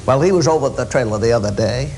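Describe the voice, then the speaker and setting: A man's voice: mid-range voice, quick pace, slight background noise, poor audio. Folksy man with a thick Maine accent. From Maine, USA. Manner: folksy, drawling, deadpan delivery. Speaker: humorist, storyteller. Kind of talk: live comic storytelling to an audience. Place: room in front of an audience.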